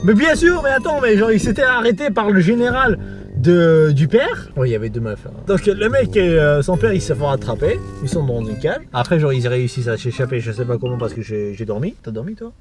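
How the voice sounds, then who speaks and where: A man's voice: a little high, big pitch swings, a little fast, music in the background. A man talking casually and drunkenly, rambling through a film recap in repetitive, sweary slang and losing his thread. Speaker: video host.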